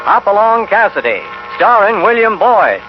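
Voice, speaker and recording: A man's voice: high voice, big pitch swings, moderate pace. Male announcer, 1950s radio western narration, dramatic, emphatic, music behind, muffled vintage recording.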